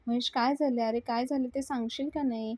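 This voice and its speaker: Woman reading protective sister, urgent sharp questions, higher, mellow. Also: fairly even intonation, a little fast, no echo, lightly acted.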